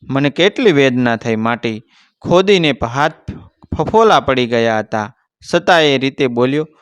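A man voicing a poor, weary village mother who works as a laborer, speaking gently and pleadingly. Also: mid-range voice, expressive, unhurried, clean tone, no room sound, close to an everyday voice.

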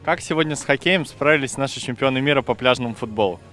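A man's voice: medium pitch, fast talker, a bit bright. A male reporter putting short interview questions outdoors at an ice rink. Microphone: handheld reporter microphone. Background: music.

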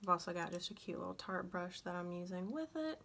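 Creaky young woman, sore-mouthed after wisdom teeth removal. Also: fairly low pitch, animated, fairly quick, a bit bright. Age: young adult. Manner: drowsy, scattered, rambling. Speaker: beauty vlogger. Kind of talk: casual chatty makeup tutorial. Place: indoor room at home. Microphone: phone on a stand at about arm's length.

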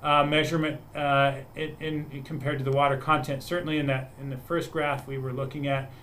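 A man's voice: medium pitch, level tone, brisk, fairly bright tone, a little hiss or hum. A man on a webinar panel explaining soil moisture data, talking through it with frequent restarts and repeated words. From United States.

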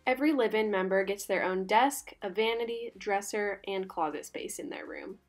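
A woman's voice: mid-range voice, normal speed, faint music behind. A young woman giving scripted voice-over narration for a house tour, upbeat and informative. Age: young adult.

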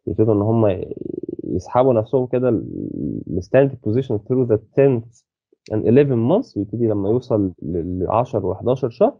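A man with an Egyptian Arabic accent teaching a university lesson. He reads English slowly, then explains quickly in Arabic, with many hesitant restarts, and checks that his listener has understood. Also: on the low side, sing-song, creaky, no room sound. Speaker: university lecturer. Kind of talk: lecture explaining a textbook, mixing Arabic and English. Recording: dry, phone-like audio.

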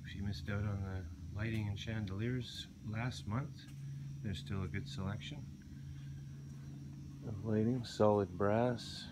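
A man's voice: on the low side, steady tone. A man walking through an auction warehouse with a phone camera, calling out the items one after another in a plain listing manner. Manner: slow, list-like item calling. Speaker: auction house staff. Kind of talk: walkthrough preview tour. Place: large indoor warehouse showroom. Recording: loud background noise.

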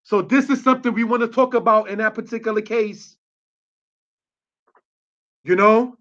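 Male street preacher, high voice, muffled low-fi sound, keeps asking "you understand?". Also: fairly even intonation, normal speed, fairly bright tone. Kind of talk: religious teaching.

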